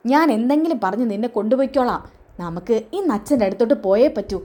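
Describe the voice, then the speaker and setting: A woman's voice: a little high, expressive, fast talker, dark tone, close to an everyday voice. A woman voicing a secretive, insistent young adult son in a retold serial story.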